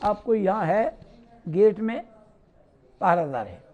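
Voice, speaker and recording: A man with a high, animated voice tells devotional stories in an unhurried way. He asks the listeners questions and then answers them himself. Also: lo-fi sound. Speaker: spiritual teacher giving a discourse. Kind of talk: devotional scripture storytelling.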